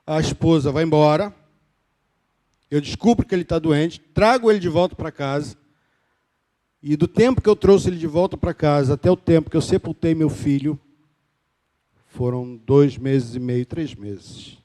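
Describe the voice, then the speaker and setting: A Brazilian pastor in his fifties delivers a sermon in a notably high voice. He builds rhythmic, repeated phrases to loud emphasis, then drops to a hushed, soft delivery. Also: normal speed.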